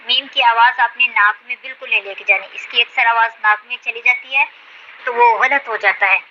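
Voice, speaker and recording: A woman's voice: a little high, steady tone, dull audio, noisy background. A young woman, patiently teaching Quran reading and stretching out each letter name with care. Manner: drawn-out, carefully enunciated letter names.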